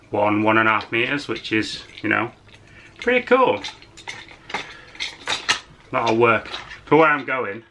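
With a voice on the low side, pushed and bright, a young man in his twenties enthusiastically opens fishing lures on camera from a small room indoors at home. He's relaxed and talkative, leaning on filler words, and there's slight background noise.

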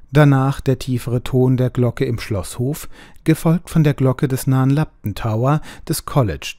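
Guy reading a spooky story, warm low tone, dry close sound. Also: dry recording. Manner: measured, expressive reading. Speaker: audiobook narrator. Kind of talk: scripted story narration.

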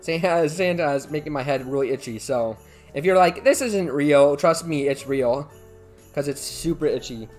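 A young American man with a fairly high pitch and lively intonation hosts a live game stream from an indoor room at his computer, speaking at a moderate pace in a slightly mellow voice over a headset mic. Soft music plays behind him as he rambles, repeats himself, reads chat messages, and thanks viewers by name.

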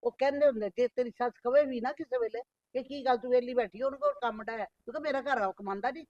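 A woman's voice: fairly high pitch, rapid-fire, darkish tone, no echo, recorded from a distance, lo-fi sound, close to an everyday voice. A middle-aged woman playing a scheming mother who scolds and nags her married daughter in a scripted family skit. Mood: coaxing. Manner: nagging, scolding. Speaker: mother on the phone.

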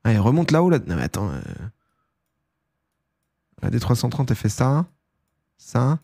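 At a moderate pace, a young man with a sore throat chats on a live stream. He's casual and excitable, with sudden loud, high bursts.

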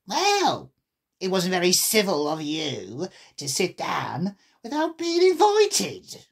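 A woman's voice: lowish voice, wildly swooping pitch, takes it slowly, creaky, slightly rough, voice pushed up, full character voice. A woman voicing a rude, teasing male hare in a storybook, brash and contrary. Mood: snappy.

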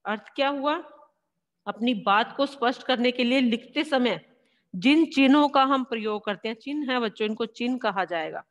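Higher-voiced woman teacher, reverberant sound. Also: lively intonation, highs cut off. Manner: explains slowly, asks and answers own questions. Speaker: school teacher. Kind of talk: classroom lesson.

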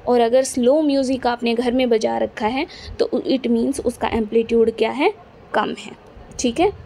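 In a classroom physics lecture, a woman speaks at a measured pace in a fairly high, mellow voice over slight background noise. Patient and repetitive, she goes over points again and frequently makes sure students understand.

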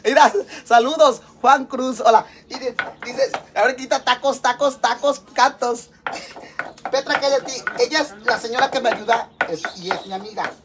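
A man's voice: extremely high pitch, normal speed, few pauses, background noise. A man with a Mexican accent chatting to viewers from his home kitchen while he cooks, campy, teasing and crude. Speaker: live streamer. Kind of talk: live stream chat while cooking.

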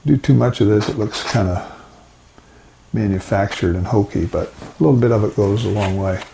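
An older man, a gentle painting instructor, talking in a low-key, musing way as he demonstrates watercolour step by step. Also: moderate pace, gravelly, slight background noise, rough recording. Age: 60s or older. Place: indoors at a painting easel.

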